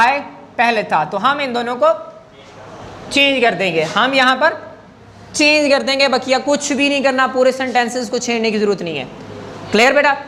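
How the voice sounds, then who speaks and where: A man's voice: very high voice, bright, forceful tone, slight background noise. A man teaching an English grammar lesson in class, patient and coaxing, often checking whether students follow.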